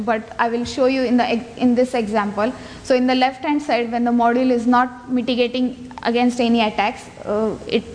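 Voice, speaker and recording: A woman's voice: a little high, darkish tone. Woman presenting in an echoey hall. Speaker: conference speaker. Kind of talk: explanatory technical presentation. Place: large indoor conference room. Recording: echoey hall, noticeable background noise.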